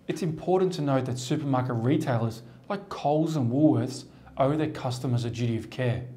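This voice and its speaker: An Australian man, a lawyer, giving a measured, formal scripted explainer to camera from a studio desk on a lapel mic. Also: medium pitch. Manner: measured, formal, steady delivery. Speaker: lawyer presenting a firm's explainer.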